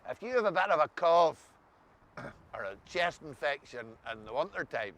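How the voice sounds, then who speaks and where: A man with an Ulster Scots accent talks in a bright, fairly high voice. He explains dialect in an easy conversational way, with the wry touch of a storyteller. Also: very animated, normal speed. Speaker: co-host discussing dialect words.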